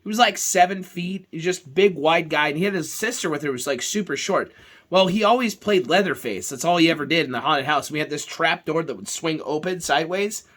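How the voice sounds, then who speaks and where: Podcast host guy, bright ringing voice, a bit high, swears a lot, loose storytelling. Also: brisk. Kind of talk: casual chat.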